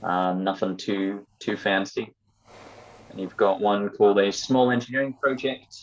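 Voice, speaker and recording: A man's voice: fairly low pitch, steady tone, measured pace, slight background noise. A young man talking casually in a student society meeting over an online call with dull, lo-fi sound. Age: young adult.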